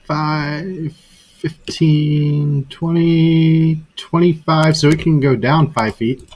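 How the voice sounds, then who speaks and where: A man's voice: on the high side, fairly even intonation, extremely slow, a little mellow. A man making casual table talk as a player in a tabletop game.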